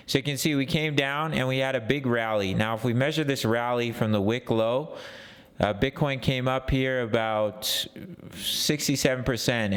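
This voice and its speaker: A man's voice: mid-range voice, clear, resonant tone. A man with a sore throat giving casual market chart commentary as a channel host, often repeating phrases for emphasis. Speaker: host of a crypto trading channel.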